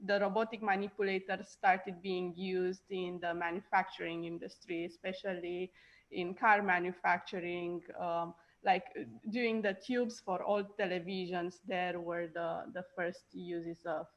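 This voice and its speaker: A woman's voice: fairly low pitch, little pitch movement, a little slow, lo-fi sound. A woman from Romania, a robotics professor, answering interview questions casually with many fillers and hesitations.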